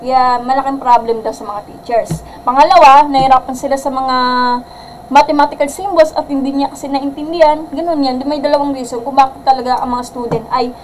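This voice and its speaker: A woman math teacher giving a live-streamed algebra lesson in a loud voice that sounds angry, mixing English terms in and checking with "gets?". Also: high-pitched, fairly even intonation, brisk, slight background noise, poor audio. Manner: mixes English terms into Filipino, asks "gets?".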